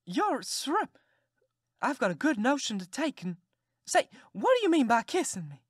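A woman voicing Aunt Sally, a fussy, sharp-tongued Southern farm aunt who scolds and exclaims. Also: mid-range voice, sing-song, moderate pace, no echo, studio quality. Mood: scolding.

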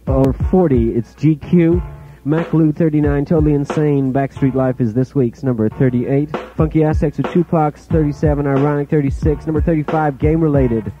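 A man hosting a hip hop countdown on a pirate radio broadcast, rattling off chart entries in quick, clipped fragments. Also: fairly high pitch, mellow, lo-fi sound. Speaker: radio DJ and host. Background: music playing under the voice.

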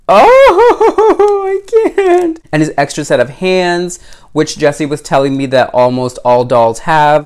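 A man reviewing a collector doll in an unboxing vlog. He gushes, gasps and squeals, and chats directly to his viewers and to the doll's designer. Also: medium pitch. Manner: gushing, exclamatory, frequent gasps and squeals.

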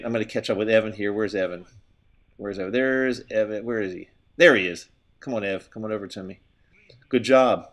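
A middle-aged man, out of breath, giving stop-and-start commentary while skiing outdoors, recorded on a helmet camera. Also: lowish voice. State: winded from exertion. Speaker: skier filming with a helmet camera. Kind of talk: casual narration while skiing. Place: outdoors on a steep ski slope. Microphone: helmet-mounted camera.

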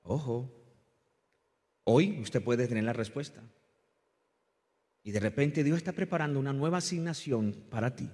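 Husky-voiced preacher in a reverberant church. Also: male voice, normal speed, long pauses, a little mellow. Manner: impassioned preaching, rising and falling in pitch and volume; calls on the congregation to repeat after him. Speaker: pastor. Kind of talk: sermon. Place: church hall.

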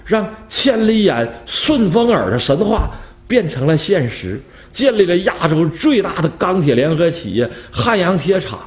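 A man's voice: on the high side, darkish tone. A male history professor gives a storytelling lecture, posing rhetorical questions and chuckling at his anecdotes. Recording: roomy lecture hall echo.

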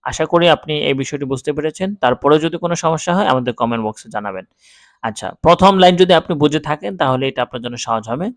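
Patient man teaching slow recitation. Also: fairly high pitch, lively intonation, no room sound. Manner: patient, spells out letters and vowel marks slowly. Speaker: Quran reading teacher. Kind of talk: step-by-step recitation lesson.

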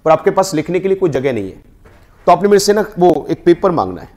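A man with an Indian accent leads a spoken English class in a classroom. His voice sits slightly high, and he keeps prompting the students to repeat each word after him. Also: sing-song, fast talker, mellow. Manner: drills the class, prompting them to repeat words. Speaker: English teacher.

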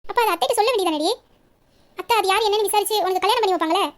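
A woman's voice: very high-pitched, very fast. A woman voicing a young woman who keeps pressing her best friend with insistent questions. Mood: coaxing. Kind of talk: audio story reading.

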